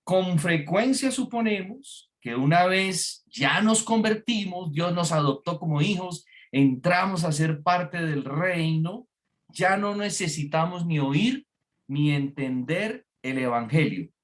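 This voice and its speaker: A man's voice: on the high side, animated, slow pace. A man preaching a sermon to a congregation, engaging them with frequent questions. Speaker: pastor. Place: church before a congregation.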